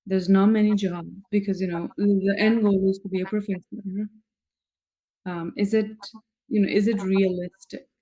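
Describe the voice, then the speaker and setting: A woman from Nepal in her thirties, a scientist answering interview questions in a thoughtful, measured way with frequent fillers. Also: mid-range voice, little pitch movement, mellow, poor audio. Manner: thoughtful, measured, with many "you know" fillers. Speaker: guest scientist.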